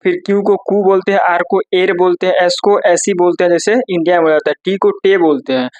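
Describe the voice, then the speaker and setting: High-voiced man teaching letters. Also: fairly even intonation, darkish tone, dry recording, highs cut off. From India. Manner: repetitive, asks and answers own questions, spells letters slowly. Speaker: language teacher. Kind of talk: casual spoken lesson.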